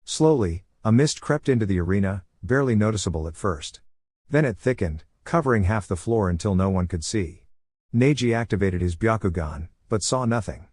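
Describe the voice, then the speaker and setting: A man narrating a fan fiction story in an even storytelling read, voicing every character himself. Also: on the low side, normal speed, dry recording, clean studio sound.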